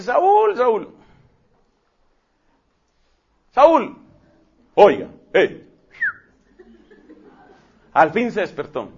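A man preaching a sermon, telling a story emphatically and rushing through asides. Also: sits high. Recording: dull lo-fi recording.

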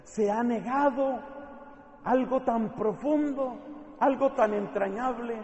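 High-voiced preacher in an echoing hall. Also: male voice, slow pace, highs cut off. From not from Spain. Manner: impassioned, swings from loud pleading to hushed questions. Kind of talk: sermon. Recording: echoey hall with long reverb.

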